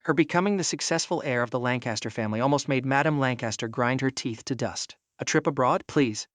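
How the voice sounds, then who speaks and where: A man's voice: medium pitch, fast talker, dry recording. A man narrating a drama story recap in a breezy, casual, second-person style.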